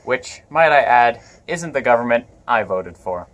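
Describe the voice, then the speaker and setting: A man's voice: medium pitch, animated, a little slow, fairly bright tone. Blustering older politician played by a man, rambling, preachy, folksy asides, sketch monologue. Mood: indignant. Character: blustering older male anti-tax politician.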